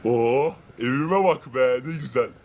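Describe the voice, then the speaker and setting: A man playing an arrogant rich man in a Minecraft role-play, who boasts about his wealth, gloats, and shouts cruel threats. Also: mid-range voice, a little slow, slight background noise, lightly acted. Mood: smug gloating.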